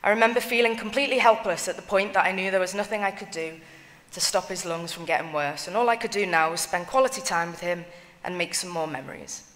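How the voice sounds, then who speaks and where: Woman calmly reading funeral tributes in a church, voice ringing out with long reverb. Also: on the low side. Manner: measured, solemn reading. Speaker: reader of family tributes at a funeral. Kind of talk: reading written eulogies aloud.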